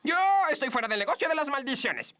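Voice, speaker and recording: A woman's voice: high-pitched, expressive, fast, background noise. A woman voicing a fussy male tamarin curse-breaker in a cartoon, petulant, sarcastic and self-important.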